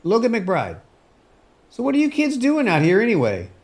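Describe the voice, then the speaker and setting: An actor playing a kindly, plain-spoken country rancher in a family drama, talking in a folksy old-prospector way. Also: male voice, sits high, huge pitch swings, moderate pace, exaggerated voice. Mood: friendly, curious. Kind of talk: acted family film dialogue.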